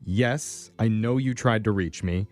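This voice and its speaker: A man's voice: on the low side, unhurried, darkish tone, soft background music. Teasing male radio host. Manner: teasing, reads out letters. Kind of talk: morning radio chat.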